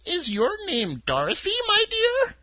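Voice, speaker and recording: A storyteller voicing a kindly little old female witch in a high, gentle, lilting voice for a storybook reading. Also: wildly swooping pitch, measured pace, dry recording, clean studio sound, heavily acted.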